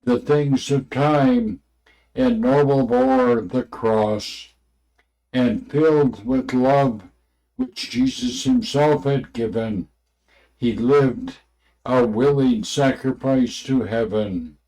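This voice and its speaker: Reading aloud from a religious book at an extremely slow pace, a man with a mid-range, medium-pitched, expressive and dark-toned voice stumbles over words in short, halting phrases. The unrehearsed reading, with asides, comes through in a rough recording.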